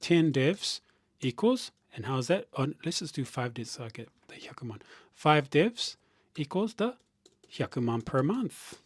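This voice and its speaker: A man's voice: medium pitch, lively intonation, normal speed, husky, no echo. Guy streaming live at his desk, talks off the cuff and restarts a lot, dry close sound, keys clacking. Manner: rambling, thinking out loud with restarts; reads viewer comments aloud. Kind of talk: casual live-stream chat.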